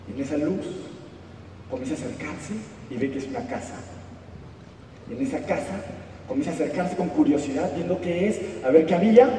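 A man's voice: a little high, slight background noise. Man telling a fable in a ringing hall. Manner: slow, hushed storytelling. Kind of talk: storytelling motivational talk. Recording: echoey hall from far off.

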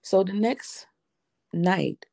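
A middle-aged woman earnestly recounting a personal faith testimony, slow and heartfelt, quoting her own prayers. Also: medium pitch, animated, vocal fry, mellow, dry recording, studio quality. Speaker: widow giving a testimony.

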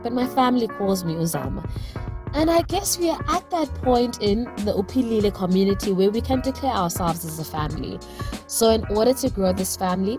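Speaking alone on her wellness podcast, a woman sounds earnest and thoughtful, drawing out words to emphasize them. She's just woken up, which makes her voice lower than normal.

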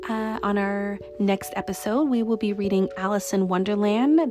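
A woman in her thirties hosting a podcast and reading a picture book aloud to children in a gentle, clear way. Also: mid-range voice. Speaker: podcast host and reader.

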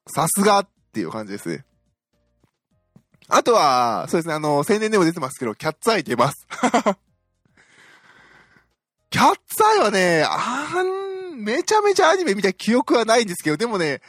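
A man's voice: high-pitched, a bit bright, no echo, studio quality. A man hosting a podcast, giving a casual, chatty film review with frequent fillers and self-deprecating fan humor. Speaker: podcast host.

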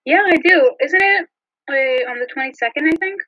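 A woman co-hosting a podcast in a casual, scripted chat with frequent ums, recorded over a low-quality phone line. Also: normal speed, pushed and bright, no echo. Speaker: podcast co-host. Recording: muffled dry phone-line audio.

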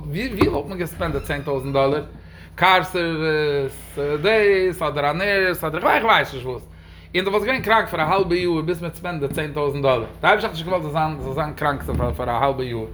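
A man's voice: on the high side, a bit bright, slight background noise. A man giving a religious question-and-answer talk, speaking emphatically with sudden raised stresses.

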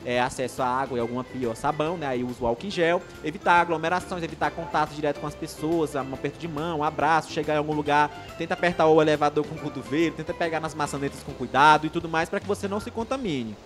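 This is a young live stream host from Maranhão, Brazil, talking over background music in a somewhat high voice at a quick pace with few pauses. He speaks Maranhão-accented Brazilian Portuguese, reading out viewer comments in a casual, chatty, upbeat way while rambling and often restarting what he says.

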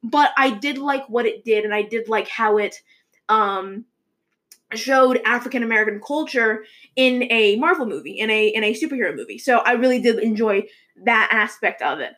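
A young woman with a somewhat high voice talks through movie news like a show host. She rambles along in a loose, casual way, full of fillers and restarts. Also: moderate pace, fairly bright tone.

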